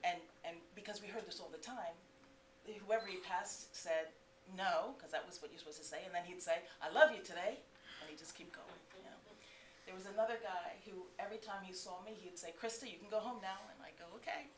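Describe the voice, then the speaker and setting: A woman's voice: fairly low pitch, fast talker. Woman, middle-aged, author reading aloud, chatty laughing asides, distant mic, faint hiss. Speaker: author reading her own book. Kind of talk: live book reading with spoken asides. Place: bookstore, live audience. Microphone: distant room mic. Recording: echoey room, mic far off, faint hiss.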